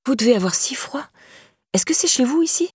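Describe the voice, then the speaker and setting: A woman reading an audiobook voices a blunt, streetwise young woman who swears but looks after a stranger, in a raised, breathy voice. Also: high-pitched, lively intonation, brisk, a little mellow, no room sound, studio quality, pitched above the performer's own voice, exaggerated voice. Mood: caring. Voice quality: brash, exclaiming, swearing.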